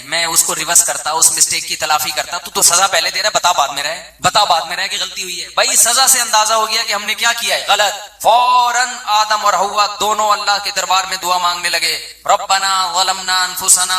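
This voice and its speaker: A man's voice: high voice, sharp tone, roomy sound. A man giving a conversational religious sermon, posing rhetorical questions and answering them himself. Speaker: religious scholar.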